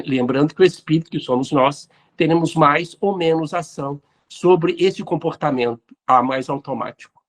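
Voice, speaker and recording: A man, hosting and answering listener questions in an explanatory talk on neuroscience and spirituality. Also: a little high. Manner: didactic, addresses listeners directly.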